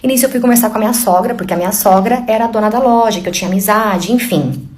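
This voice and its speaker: Brief: Brazilian woman, confessional storyteller, rapid chatty delivery, mid-pitched. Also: a little mellow. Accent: Brazilian Portuguese. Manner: emotional, conversational, many fillers. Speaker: storyteller recounting a personal confession. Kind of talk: first-person confessional storytelling.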